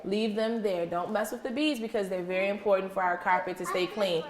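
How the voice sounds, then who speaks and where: Speaking a little fast with fairly even intonation, a woman with a mid-range voice guides young children through an interactive read-aloud, praising and encouraging them with simple repeated questions and instructions. A crowd can be heard behind her in the echoey indoor classroom, along with faint background noise.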